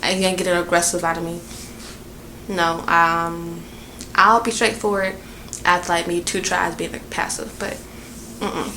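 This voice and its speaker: A woman's voice: fairly low pitch, level tone, measured pace, long pauses, sharp tone, slight background noise. A young woman with a Southern American accent telling a casual storytime vlog, chatty and venting, rambling with lots of fillers while at her workplace. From Southern United States. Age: young adult. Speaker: vlogger.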